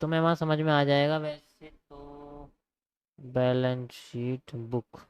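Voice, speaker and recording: Smooth-voiced young man teaching live. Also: fairly high pitch, steady tone, slow, no room sound. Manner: casual, repeats points, addresses viewers as bro. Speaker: trading teacher. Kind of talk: live online trading lesson.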